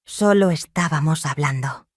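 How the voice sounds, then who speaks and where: A woman voicing a nervous young stepmother who tries to sound calm and steady. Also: low-pitched, no echo, clean studio sound. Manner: quick, forced calm.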